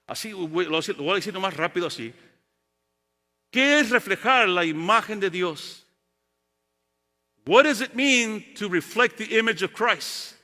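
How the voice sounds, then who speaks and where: A man preaching a bilingual sermon in a church sanctuary. He switches between Spanish and English and delivers slow, emphatic lists. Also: high voice, bright, forceful tone. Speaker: pastor. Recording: long church-hall reverb.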